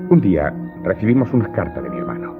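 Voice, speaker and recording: In a radio drama, an actor with a low, sing-song voice plays an aggrieved servant, quickly and earnestly recounting his story to his master in a grave tone. The recording sounds muffled and narrow-band, with loud music behind him.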